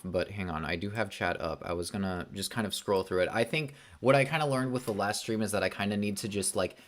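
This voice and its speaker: A young man hosting a casual livestream, rambling through opinions with many ums, likes and restarts. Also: fairly low pitch. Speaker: livestream host.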